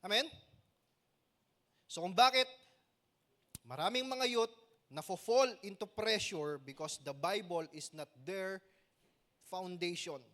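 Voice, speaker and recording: A man's voice: high-pitched, takes it slowly, long pauses. A young man preaching as a youth pastor, asking the crowd "Amen?" often and telling stories with joking asides. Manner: animated storytelling with joking asides. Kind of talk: youth sermon.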